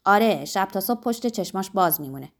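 A firm old grandmother, brisk and gently scolding, as a woman reads her in an audiobook. She speaks with a lifted, emphatic tone. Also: mid-range voice, expressive, creaky. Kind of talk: audiobook character reading.

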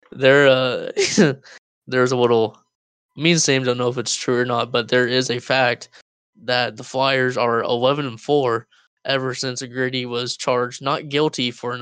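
A young man chatting as co-host on a podcast, speaking over a voice call. He jokes around and laughs often. His voice sits at a middling pitch, and the sound is close and dry with no room echo. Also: fairly even intonation, a little slow, a bit bright, clear, resonant tone. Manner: laughs often, loose and joking. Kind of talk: casual chat. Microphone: Discord voice call.

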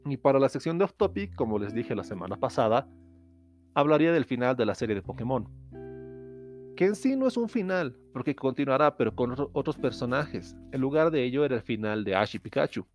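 A man from Latin America hosting an educational show, lecturing in a steady explanatory tone with occasional restarts. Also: mid-range voice, fairly quick, soft background music. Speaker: host.

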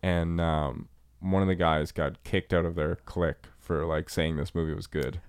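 A man's voice: low voice, little pitch movement, normal speed, smooth, no echo, clean studio sound. A man co-hosting a casual film podcast, laid-back and rambling, with lots of ums and likes. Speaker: podcast co-host.

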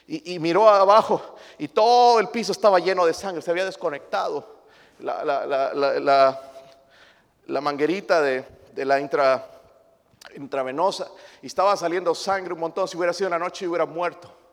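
A man preaching a passionate sermon, calling his listeners brothers, rising to loud emphasis and dropping to quiet asides. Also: fairly high pitch, moderate pace, big-room sound. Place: church.

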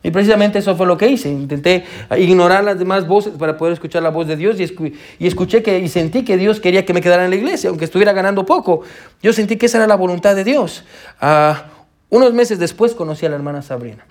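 A young man preaching a sermon to his congregation, halting with fillers and repeated words and often saying amen. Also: high voice. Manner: addresses the congregation as brother and sisters.

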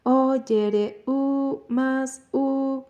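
A woman's voice: sits high, steady tone, drawn-out words, mellow, muffled recording, pitched above the performer's own voice. A woman voicing a crude young man at a party, boasting and leering in a storybook reading.

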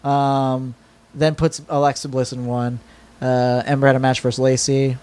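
A man's voice: medium pitch, level tone, normal speed, darkish tone, clear, resonant tone. A man co-hosting a podcast, recapping wrestling in casual, slangy, hesitant chat. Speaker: podcast co-host.

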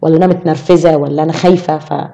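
A young adult woman with an Egyptian Arabic accent, chatting as a podcast guest and explaining things with lively examples. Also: low-pitched, lo-fi sound. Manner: animated, explaining with quick examples. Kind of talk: casual chat.

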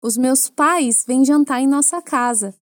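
Brazilian female language teacher, bright high register, dead-dry studio read, clear and patient. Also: a little slow, no echo. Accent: Brazilian Portuguese. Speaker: French teacher. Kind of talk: language lesson for Portuguese speakers.

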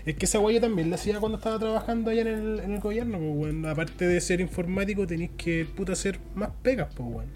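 A man's voice: sits high, fast, hardly any pauses, a little mellow, faint music behind. A young man with a Chilean accent co-hosting a podcast in loose, slangy, joking chat. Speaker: podcast co-host.

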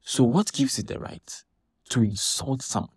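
A man talks in a casual, indignant monologue, his voice slightly husky and his delivery animated. He restarts his sentences often as he works through his point. The recording is dry and close, with no room sound. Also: mid-range voice, moderate pace, dry recording. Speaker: church member commenting on a dispute.

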